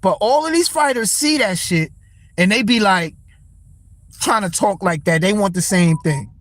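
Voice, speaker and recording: A man's voice: high voice, lively intonation, normal speed, a bit bright. A young man hosting a casual boxing talk livestream, speaking, blunt and profane as he answers his chat. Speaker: livestream host.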